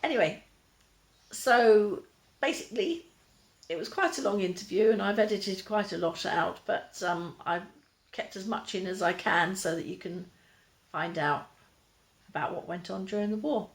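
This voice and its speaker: A woman's voice: medium pitch, normal speed. A woman conducting a casual, chatty interview, feeling her way through questions and rephrasing as she goes.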